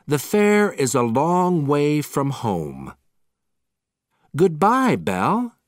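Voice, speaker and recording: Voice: medium pitch, wildly swooping pitch, extremely slow, dry recording, clean studio sound, voice pushed up, full character voice. A reader voicing an old inventor father. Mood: excited. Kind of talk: storybook reading.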